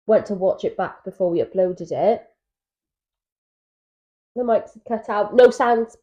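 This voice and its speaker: A young woman in her twenties co-hosting a couples podcast, chatting casually and telling stories with animated asides. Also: mid-range voice, measured pace. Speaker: podcast co-host. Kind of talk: casual chat. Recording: dull lo-fi mic sound.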